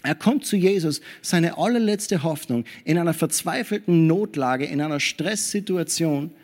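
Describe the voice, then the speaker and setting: A man preaching a sermon in an animated way, often checking in with his listeners and adding hallelujah and amen. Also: a little high, normal speed. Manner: animated preaching with frequent tag questions.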